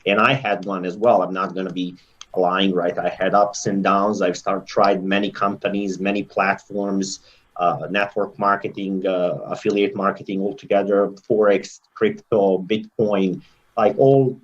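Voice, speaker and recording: A man's voice: low voice, unhurried, highs cut off. A man in his thirties from Serbia, with a Serbian accent, telling his story as an interview guest in a reflective, rambling way over a video call. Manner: reflective, rambling, animated in places.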